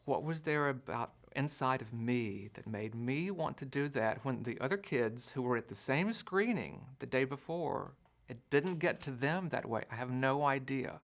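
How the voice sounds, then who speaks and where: Gravelly man in his sixties, reflecting. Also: mid-range voice, expressive, normal speed. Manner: searching, questioning. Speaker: documentary interviewee. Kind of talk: reflective interview.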